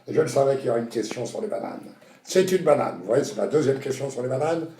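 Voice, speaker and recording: A man's voice: medium pitch, lively intonation, fast, warm tone, far from the mic, lightly acted. A man voicing an eager, overconfident male quiz contestant who blurts out his answers and repeats himself. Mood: overeager. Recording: roomy echo.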